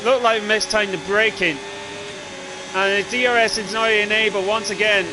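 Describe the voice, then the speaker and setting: A man's voice: sits high, fairly even intonation, moderate pace. A man doing live race commentary on a livestream of a sim racing event. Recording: clearly noisy, engine noise behind.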